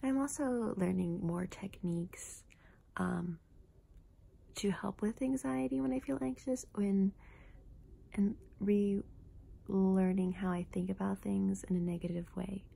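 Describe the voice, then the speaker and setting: A woman speaking softly in a casual, personal ASMR style, hushed and breathy, often slipping into a whisper. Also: medium pitch, fairly even intonation, a little slow. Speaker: ASMR content creator. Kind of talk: soft-spoken ASMR, casual personal talk.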